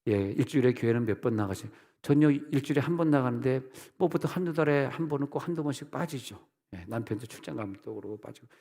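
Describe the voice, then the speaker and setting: A man's voice: fast talker, creaky, few pauses. A man pastor preaching a revival sermon, telling stories and acting out the voices of church members. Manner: animated storytelling, mimics church members in high voices. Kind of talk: revival sermon with acted-out dialogue. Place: church sanctuary. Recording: long church hall reverb.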